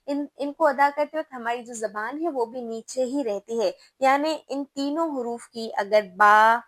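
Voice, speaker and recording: Woman, tajweed teacher, patient, explanatory, fairly high voice, dry close sound. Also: no room sound. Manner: patient, explanatory, slow drawn-out sound demos. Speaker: Quran recitation teacher. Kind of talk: tajweed lesson.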